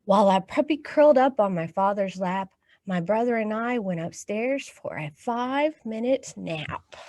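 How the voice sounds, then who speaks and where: An American woman hosts a children's storytime with read-alouds and action songs, her medium-pitched voice a little mellow, lively in intonation and moderate in pace. She encourages the young children, asking them questions and praising them directly.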